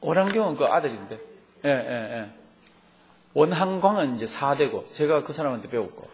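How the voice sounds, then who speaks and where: A male pastor preaching a sermon, telling stories with lively acted-out dialogue. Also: mid-range voice, moderate pace, a little hiss or hum. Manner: lively storytelling, acts out dialogue in quotes.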